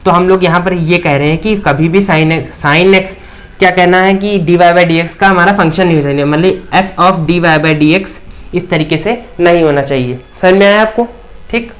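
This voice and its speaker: A man's voice: high voice, normal speed. A man teaching a maths lecture at a board, asking the class questions and answering them himself, often checking in with "theek".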